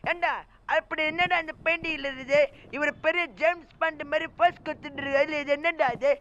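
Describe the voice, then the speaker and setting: A man giving comic gameplay commentary as a gaming YouTuber, excitable and mocking, full of exclamations. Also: very high-pitched, a little fast, highs cut off.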